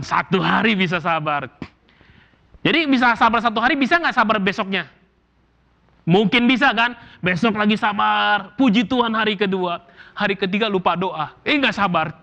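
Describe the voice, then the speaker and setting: A man from Indonesia preaching a sermon as pastor, animated and casual, acting out everyday complaints. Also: high-pitched, normal speed, lo-fi sound. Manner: animated, acts out quoted complaints in casual slang.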